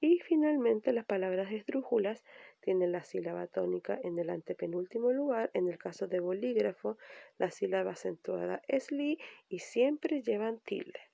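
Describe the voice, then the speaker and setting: A woman's voice: medium pitch, animated, normal speed, vocal fry, warm tone, dry recording. A woman teaching a recorded language lesson, patiently explaining and restating each point. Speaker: primary school teacher.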